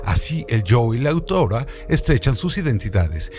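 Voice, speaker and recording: In scripted educational narration, a male presenter shares literary trivia with lively, widely varied intonation, posing rhetorical questions to teach. He's medium-pitched and moderately paced, with faint music playing underneath.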